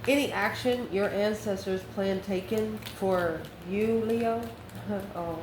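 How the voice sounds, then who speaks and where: Here a female tarot reader talks slowly in a mid-range voice, chatting directly to the viewer with plenty of exclamations as she improvises a casual reading. Faint background noise and room echo are audible.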